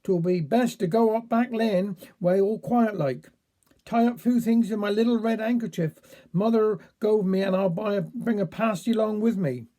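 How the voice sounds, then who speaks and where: Man doing an old cornish countryman, grumbling, slow drawl, high mellow voice. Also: close to an everyday voice.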